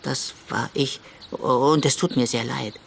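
A man's voice: medium pitch, animated, normal speed, vocal fry, a little hiss or hum. A man voicing a shy, hesitant little male creature in a storybook reading. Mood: timid. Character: timid little mountain creature, young male.

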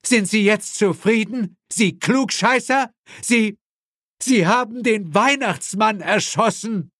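A man's voice: sits high, takes it slowly, a bit bright, no echo, clean studio sound, pitched above the performer's own voice, full character voice. A male narrator voicing an outraged middle-aged father who sputters with indignation, in an audiobook.

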